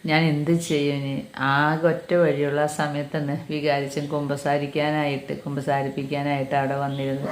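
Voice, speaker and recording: A woman's voice: low voice, background noise. A middle-aged woman, a catechism teacher, giving an earnest personal religious testimony and calling listeners dear brothers and sisters. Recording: echoey room.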